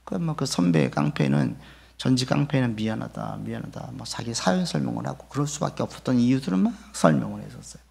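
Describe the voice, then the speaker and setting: A man's voice: mid-range voice, big pitch swings, quick pace, vocal fry, darkish tone, breathy edge. A male pastor preaching a sermon, telling a story, acting out the people in it and asking the congregation rhetorical questions. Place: church sanctuary.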